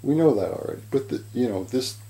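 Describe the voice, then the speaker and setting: A man giving an informal chalkboard lecture as an instructor, halting and repetitive, often checking in with "right?". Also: mid-range voice, animated, warm tone. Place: indoors at a chalkboard.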